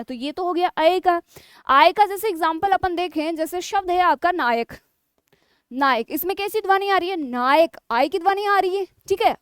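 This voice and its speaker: High-voiced woman teaching grammar. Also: no room sound, studio quality. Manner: asks the class questions and answers them herself. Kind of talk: exam-prep grammar lesson.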